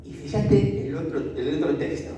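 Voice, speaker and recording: A pastor preaching an animated sermon, acting out Bible scenes and making asides to the congregation. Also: mid-range voice, moderate pace, a little hiss or hum. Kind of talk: lively sermon. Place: church hall. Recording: echoey church hall from far off.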